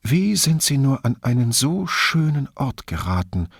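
A man's voice: mid-range voice, expressive, takes it slowly, slightly rough, no echo, studio quality, pitched above the performer's own voice, full character voice. A man reading aloud and voicing a theatrical woman who gushes with syrupy admiration. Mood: gushing.

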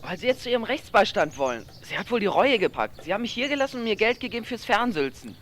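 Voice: medium pitch, big pitch swings, fast talker, a crowd in the background, lightly acted. An actor voicing a chatty, boastful teenage boy in a radio play. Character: chubby cheeky teenage boy, food-loving.

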